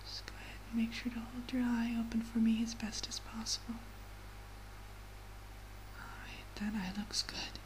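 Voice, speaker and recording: A woman in a soft, breathy whispered role-play as a medical examiner, giving gentle, reassuring instructions. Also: on the high side, flat delivery, moderate pace, pauses often, low-quality recording. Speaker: ASMR performer playing a medical examiner. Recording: clearly audible background noise.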